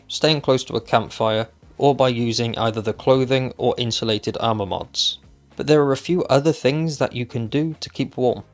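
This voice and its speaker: Man narrating a countdown of game tips over music. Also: medium pitch. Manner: explanatory, with casual asides. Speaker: gaming video host.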